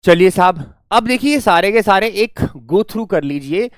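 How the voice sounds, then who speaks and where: Lively man teaching grammar. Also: sits high, a little slow, no room sound, studio quality. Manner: lively, coaxing, calls students "my friend" and "my child". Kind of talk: classroom lecture.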